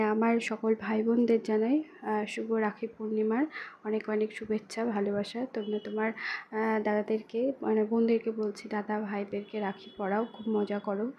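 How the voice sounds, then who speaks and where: A young woman talking softly and quietly into a headphone mic as she narrates her home vlog. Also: fairly high pitch, dull audio, a little hiss or hum. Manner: soft-spoken, quiet. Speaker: vlogger.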